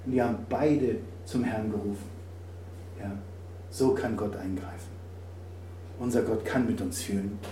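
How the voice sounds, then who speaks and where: A man preaching a sermon, swinging from quiet to loud and acting out dialogues. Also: fairly low pitch, unhurried, pauses often. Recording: roomy, from a distance, faint noise.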